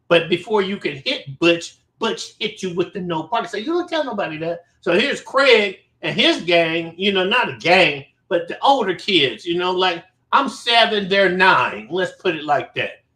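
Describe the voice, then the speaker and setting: A man's voice: high voice, animated, measured pace, pushed and bright. A man telling a story about his childhood in a casual way. He talks bluntly, swears a lot and rambles. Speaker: show host. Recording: roomy echo.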